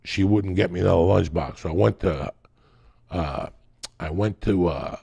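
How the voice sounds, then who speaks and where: Low-pitched, gravelly and dark with a breathy edge, this middle-aged man's voice moves at a normal speed as he rambles through wild, profanity-laced stories on a casual podcast, laughing often.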